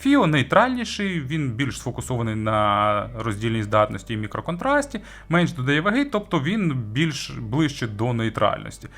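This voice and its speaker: Very animated, this audio gear reviewer talks at a moderate pace with few pauses, his medium-pitched voice fairly bright. As host, he explains the product in a casual, conversational, semi-scripted way.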